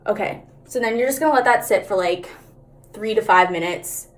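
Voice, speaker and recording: A woman's voice: medium pitch, normal speed. A woman chatting casually through a makeup tutorial, candid, slangy and sweary, talking out of the side of her mouth.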